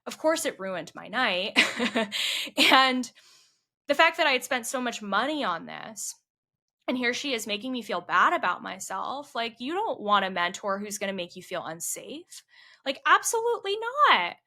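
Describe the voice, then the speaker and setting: Bright-voiced young woman telling her story. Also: mid-range voice, animated, normal speed. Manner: conversational, with frequent fillers like "like" and "you know". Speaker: spiritual coach and vlogger. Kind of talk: candid personal storytelling.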